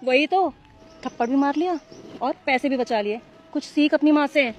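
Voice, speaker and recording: A woman playing an arrogant rich mother who talks down to people in a sharp, accusing, contemptuous way. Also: high-pitched, moderate pace, natural voice. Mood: gloating. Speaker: shopper. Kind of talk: amateur web drama acting.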